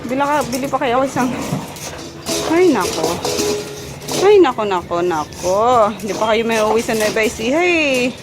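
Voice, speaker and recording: A woman's voice: on the high side, expressive, normal speed, long pauses. A woman chatting casually through a home vlog, walking around the house with a handheld camera and cooing at her pets now and then. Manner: chatty, coos at her pets in a sing-song baby voice. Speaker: vlogger. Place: family house, moving between rooms and stairs. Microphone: handheld compact camera. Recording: noisy home recording.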